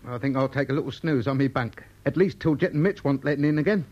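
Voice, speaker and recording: An actor playing a chirpy, excitable spaceship radio operator with a London Cockney accent in a vintage radio drama. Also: male voice, mid-range voice, quick pace, husky, lightly acted. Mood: casual. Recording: muffled old radio recording, music behind.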